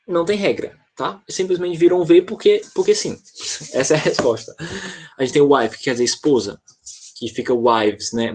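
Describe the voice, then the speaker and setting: A man's voice: medium pitch, darkish tone. A Brazilian man teaching an online English class, explaining patiently and often checking in with the students.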